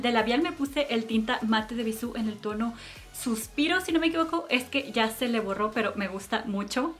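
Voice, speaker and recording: A woman's voice: a little high, a bit bright. A woman giving a chatty makeup tutorial and product review, fond of cute diminutives. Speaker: beauty vlogger.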